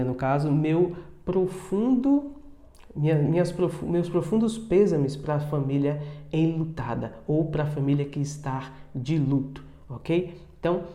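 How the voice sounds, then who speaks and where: Casual guy teaching english, says words slow and keeps going tá? né?, kinda echoey room. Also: a little high, warm tone. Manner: chatty, repeats words slowly with many tags like tá and né. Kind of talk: casual video lesson.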